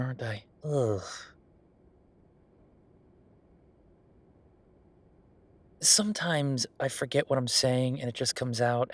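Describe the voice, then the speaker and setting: Sheepish and musing, a man with a natural, medium-pitched voice plays a friendly, self-deprecating young billionaire. In this casual, intimate audio roleplay he rambles informally and turns playfully defensive while speaking to the listener.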